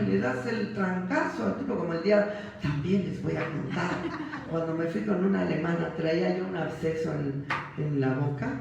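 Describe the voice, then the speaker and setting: Mexican woman pastor, jokey sermon with laughs, far from the mic in a booming church. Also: gravelly, darkish tone, very echoey, slight background noise. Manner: humorous storytelling with laughter.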